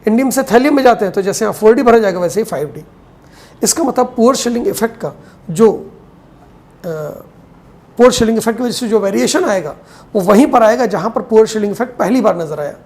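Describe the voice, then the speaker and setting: A woman's voice: fairly high pitch, a little mellow. Woman lecturing chemistry, dictating notes. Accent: Hindi-English mix. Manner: explanatory, poses questions and answers them, slows to dictate notes. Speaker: chemistry teacher. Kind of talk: classroom lecture.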